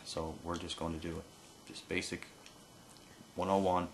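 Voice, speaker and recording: A man giving an informal hands-on tutorial as an instructor, explaining haltingly with pauses and no script. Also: deep voice, little pitch movement, slight background noise. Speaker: duck-calling instructor.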